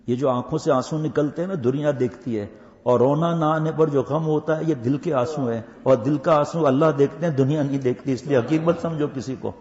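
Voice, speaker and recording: An older man giving a religious talk to madrasa students, telling stories with impassioned swings between loud urging and slow hushed passages. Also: on the high side. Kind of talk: Urdu religious talk with anecdotes. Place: mosque or madrasa hall. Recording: echoey hall, dull lo-fi recording.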